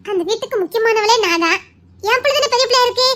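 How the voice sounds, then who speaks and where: An actress playing a teasing young woman relative, speaking with a Tirunelveli accent in a quick, playful way. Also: very high-pitched, expressive, bright, forceful tone, heavily acted. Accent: Tirunelveli Tamil. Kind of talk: web series acting.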